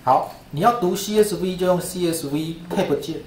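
A man's voice: high-pitched, normal speed, darkish tone, a little hiss or hum. Male lecturer, chatty and repetitive, roomy classroom sound. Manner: chatty, repeats himself, asks "right?". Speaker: statistics lecturer. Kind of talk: classroom screen-share lesson.

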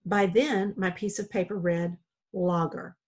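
A woman reading a children's novel aloud in a plain, steady storytelling way. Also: medium pitch, moderate pace, creaky. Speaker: audiobook reader.

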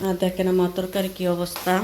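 A Bangladeshi woman vlogging casually as she cooks at home, explaining each step in a chatty way, her voice hoarse from a cold. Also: fairly low pitch, completely flat delivery, quick pace, background noise. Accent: Bangladeshi Bengali. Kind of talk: casual cooking vlog. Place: home kitchen.

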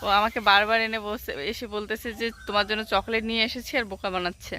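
A young woman chats to her phone camera in a village, her voice bright and clear. Faint birdsong and farm animals sit softly behind her in the open air. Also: mid-range voice, level tone, quick pace, a little hiss or hum. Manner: chatty, showing things to viewers. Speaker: family vlogger and mother. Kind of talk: casual vlog chat. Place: village outdoors, fields.

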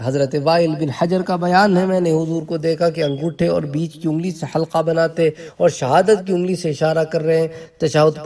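A man's voice: a little high, a little mellow, far from the mic. A man who teaches religion, giving a lecture on prayer and explaining traditions step by step with asides to his listeners.

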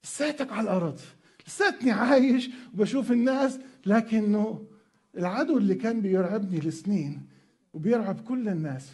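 A man's voice: high voice, lively intonation, fairly quick, a little mellow, slightly rough. A male pastor preaching a sermon, emphatic, repeating words and asking rhetorical questions.

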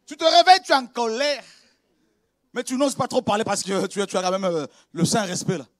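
High-voiced impassioned male preacher. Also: big pitch swings, fairly quick, no room sound, clean studio sound. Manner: impassioned, swings from quiet confiding to shouted exclamations; conversational, with laughs and repetitions. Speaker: pastor. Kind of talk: preaching a sermon.

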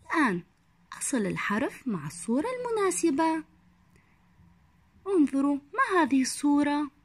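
A young woman teaching a phonics lesson to small children. She draws out each syllable slowly and gives soft, whispered praise. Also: high-pitched, very animated, no echo. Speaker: primary school teacher.

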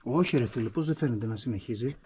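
A man's voice: medium pitch, noisy background. A man from Greece chatting casually while exploring a cave, curious and always pointing things out, with a handheld camera. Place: inside a rocky cave.

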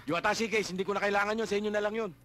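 A man's voice: high-pitched, steady tone, very fast, a bit bright, a little hiss or hum. A man playing an indignant male bank manager in a slapstick comedy, complaining after a wrongful arrest.

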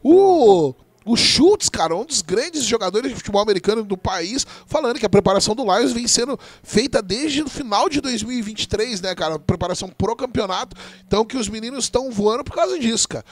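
Brazilian guy chatting through a football game as commentator, very high pitched, dry audio. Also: no echo. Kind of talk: live sports commentary, informal and chatty.

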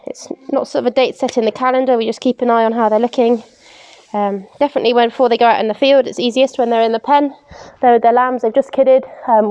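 A young woman with a fairly high voice talks through livestock chores in a practical, unhurried way, dropping in frequent ums as she works with her hands. She is recorded by a camera a few metres off, outdoors in a paddock and inside a large open farm barn. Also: mellow, dry recording. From England. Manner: practical, explains while working, frequent "um". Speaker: livestock keeper. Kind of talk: casual farm demonstration.

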